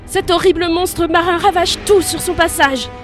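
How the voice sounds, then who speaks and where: A woman's voice: high voice, steady tone, moderate pace, a little mellow, soft background music, lightly acted. A woman narrator voicing a frightened young princess, sighing and crying out in terror in a storybook reading. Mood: terrified.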